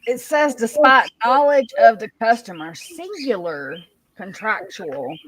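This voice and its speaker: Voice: mid-range voice, a bit bright, a little hiss or hum, poor audio. A person voicing a persistent lawyer putting pointed questions in a dramatic reading of a deposition.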